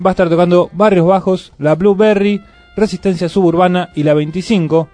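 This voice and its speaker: A man with an Argentine Spanish accent hosts a community radio culture show, chatting casually in a relaxed way and reading out event listings conversationally. His voice is high and fairly quick, the recording is dry, and faint music plays behind him.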